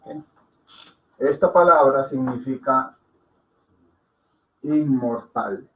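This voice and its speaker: A man teaching a class, explaining patiently and repeating words slowly, often checking with "ok?". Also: a little high, highs cut off, slight background noise. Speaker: Hindi teacher.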